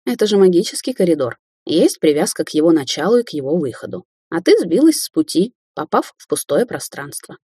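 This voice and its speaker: A woman's voice: lowish voice, big pitch swings, a little fast, hardly any pauses, mellow, breathy edge, dry recording, studio quality. A woman voicing a smug, cruel adult sorceress in an audiobook, theatrical and mocking, sliding into hissed threats. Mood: scornful.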